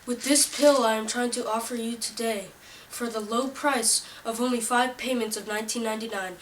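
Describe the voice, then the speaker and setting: A young woman giving a scripted, salesy hard-sell infomercial pitch with rhetorical questions. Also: steady tone, moderate pace. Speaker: student presenter. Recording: noisy amateur recording, distant mic.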